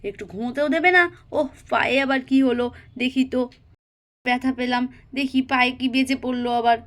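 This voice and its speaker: Woman doing a cranky just-woke-up girl muttering to herself, doll cartoon, high voice. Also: steady tone, moderate pace, a bit bright. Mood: grumbling. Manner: grumbling. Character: sleepy irritable young woman woken early.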